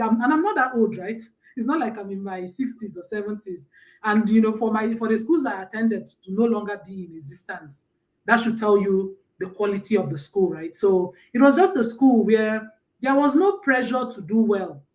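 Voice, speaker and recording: A guest speaker from Nigeria, speaking with a Nigerian accent, tells personal stories in a conversational talk and often checks in with "right?". The mid-range voice comes through a distant mic in a low-quality recording.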